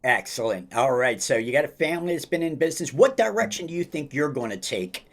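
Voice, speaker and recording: A man hosting a podcast interview over a video call, speaking slowly and emphatically, with lots of encouraging praise. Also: medium pitch, very animated. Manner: slow, emphatic, upbeat delivery with drawn-out phrases; repeats praise like a mentor. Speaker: podcast host.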